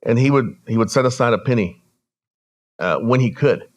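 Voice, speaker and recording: A man born in El Salvador, a podcast guest telling his family's story in an earnest, measured way. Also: mid-range voice. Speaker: guest, regional director. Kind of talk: storytelling interview.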